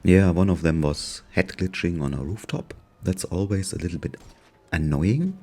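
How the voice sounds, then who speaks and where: Casual german-accented dude, mellow low voice, dry sarcastic play-by-play. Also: male voice, expressive, normal speed, slightly rough. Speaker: gaming YouTuber narrating gameplay. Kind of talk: casual gameplay commentary.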